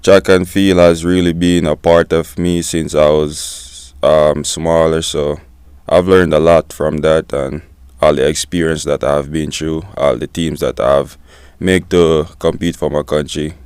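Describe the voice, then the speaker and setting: A Jamaican man in his twenties, a student-athlete guest giving short, soft-spoken answers in a casual interview. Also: a bass voice, little pitch movement, a little slow, smooth, no room sound, clean studio sound. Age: 20s.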